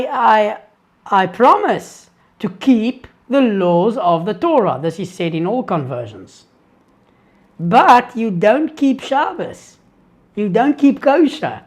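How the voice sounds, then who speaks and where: During a live-stream Q&A, a high-pitched South African man whose first language is Afrikaans earnestly replies to audience questions, stopping and restarting as he considers each answer.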